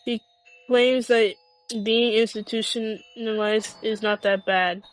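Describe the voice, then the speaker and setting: A woman reading a scripted story aloud as narrator, halting and often stumbling and repeating phrases. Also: fairly high pitch, steady tone, faint music behind, low-quality recording.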